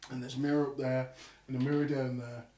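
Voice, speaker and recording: A man hosting a live ghost hunt at night, telling an animated, sweary story in casual talk. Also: medium pitch, fast talker, far from the mic. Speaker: paranormal show host. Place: old house at night. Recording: echoey room, off-mic.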